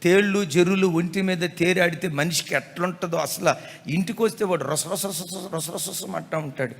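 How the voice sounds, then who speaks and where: A pastor preaches an emphatic sermon, repeating key phrases and mixing in folksy humor. His voice is high-pitched and fairly quick, with echoey hall reverb around it.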